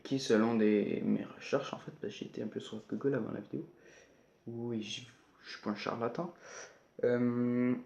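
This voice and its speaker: A man's voice: mid-range voice, level tone, moderate pace, gravelly, a little mellow. A man from Canada, talking casually through a list of places while reading his notes, full of hesitations and joking asides. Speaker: YouTuber. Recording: roomy, somewhat dull home recording.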